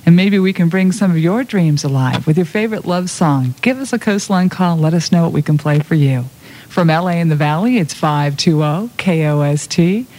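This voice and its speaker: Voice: mid-range voice, animated, moderate pace, darkish tone. A love songs radio host talking between records and inviting listeners to call in. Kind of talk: soft-format radio DJ talk, inviting call-ins.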